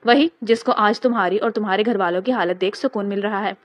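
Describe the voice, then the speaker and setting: A woman's voice: medium pitch, close to an everyday voice. A woman voicing a cruel, vengeful man of about thirty who speaks with cold contempt. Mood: menacing.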